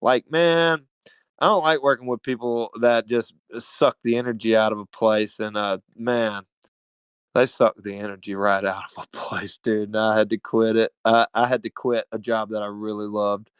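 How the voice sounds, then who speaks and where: A man from Alabama with a Southern US accent, telling stories as a podcast guest in an animated, slangy, profane way. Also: fairly low pitch, moderate pace, clean tone, dry recording. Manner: animated, slangy and profane, calls everyone dude. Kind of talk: casual storytelling chat.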